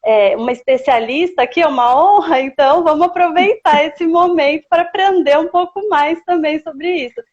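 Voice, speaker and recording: A woman hosting a live interview, asking gentle questions in a hesitant way with many pauses. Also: high-pitched, lo-fi sound. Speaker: host.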